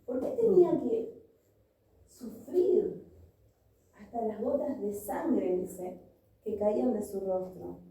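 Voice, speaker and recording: Dark-voiced woman preaching, echoey room. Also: medium pitch, animated, slow, long pauses, recorded from a distance, slight background noise. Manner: earnest, personal storytelling with scripture. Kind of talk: sermon.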